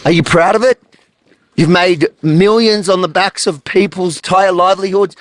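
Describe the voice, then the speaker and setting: A man's voice: high-pitched, steady tone, normal speed. A man from Australia with an Australian accent, working as a reporter outdoors on a street, confrontational and blunt. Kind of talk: street ambush questioning and wrap-up commentary.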